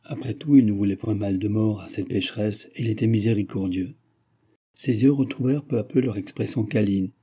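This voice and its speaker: A man narrating a classic novel as an audiobook in a measured, even manner. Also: lowish voice, husky. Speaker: audiobook reader.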